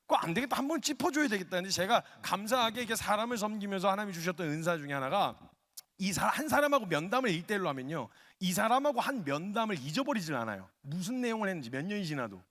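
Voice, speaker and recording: At a worship gathering, a male missionary gives a humorous, story-driven sermon, animated and acting out the quotes. He has a high voice, and the recording carries a long hall reverb.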